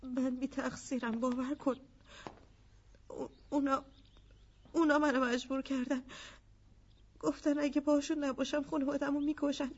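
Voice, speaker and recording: A woman's voice: high-pitched, level tone, long pauses, a little mellow, highs cut off, close to an everyday voice. An actress dubbing a frightened woman who pleads that she is innocent. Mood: confessing. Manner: pleading, fearful. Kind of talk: Persian film dub.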